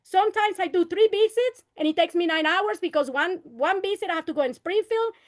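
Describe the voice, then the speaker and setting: Speaking a little fast in a very high voice, a city council candidate in her fifties delivers a fervent, rallying speech at a meeting. She alternates between English and Spanish and returns again and again to the theme of unity.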